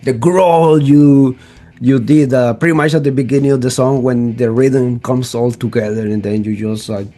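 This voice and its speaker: Conducting a casual conversation with a singer, this interviewer and show host poses eager, enthusiastic questions. His voice is medium-pitched, steady, and dark in tone at a moderate pace, over soft background music.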